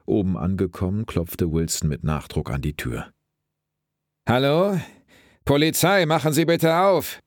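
A man narrates a crime story in a deep, husky voice, steady and measured. The recording is dry and close, with no room sound. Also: no echo. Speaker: audiobook narrator.

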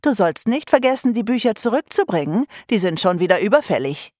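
A woman's voice: medium pitch, very animated, a little fast, a little mellow, no room sound, studio quality, voice pushed up, close to an everyday voice. A woman voicing a stern, practical mother who scolds bluntly in an audiobook. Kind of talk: audiobook character voice.

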